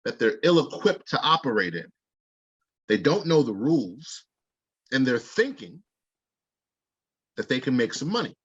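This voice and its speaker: A man speaking in a casual interview, blunt and profane with lots of animated swings. His voice is husky and middle-pitched, heard on a dry, dull, lo-fi recording. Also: dry recording. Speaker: digital artist interviewee.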